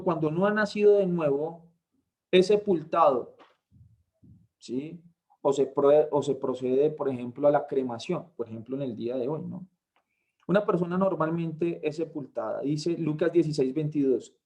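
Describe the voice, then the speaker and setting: A man, tutoring a Bible class, who explains slowly and keeps checking understanding with short questions. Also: on the high side, darkish tone. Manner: explains slowly, asks "¿cierto?" after points.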